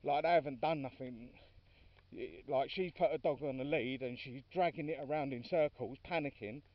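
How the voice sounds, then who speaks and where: A man films himself walking his dogs outdoors, chatting casually and now and then calling the dogs. His mid-range voice moves at normal speed, and the recording is dry, dull and lo-fi, picked up from a distance off-mic.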